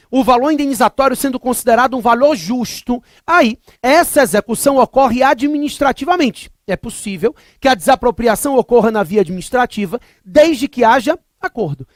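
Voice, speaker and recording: A man's voice: very high voice, no room sound, clean studio sound. A Brazilian man in his thirties giving a recorded law lecture, repeating key points emphatically and slipping into comic stories. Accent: Brazilian Portuguese. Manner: emphatic, repetitive, jokey digressions. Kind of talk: recorded exam-prep lecture with comic anecdotes.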